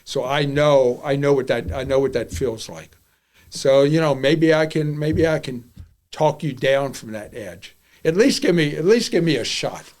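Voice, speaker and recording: Unhurried and a little mellow, a man in his seventies speaks at a medium pitch while hosting a casual podcast monologue. He is candid and blunt, circling back to the same points repeatedly.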